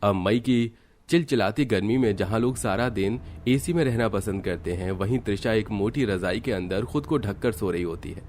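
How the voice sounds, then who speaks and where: A man narrates an animated story from a written script, speaking at normal speed in a fairly low voice. Faint background noise is present.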